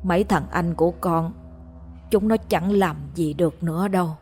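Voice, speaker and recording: A woman narrator voicing a frail, dying old mother who speaks softly and slowly in a storybook reading. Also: on the low side, soft background music, lightly acted. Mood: tender. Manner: soft, slow, hushed pleading.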